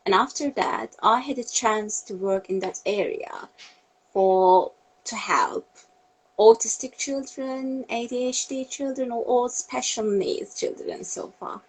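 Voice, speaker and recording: A woman's voice: fairly high pitch, slow pace, breathy edge, poor audio. A young woman in her twenties from Turkey, a cheerful, enthusiastic interviewee on a video call. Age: 20s.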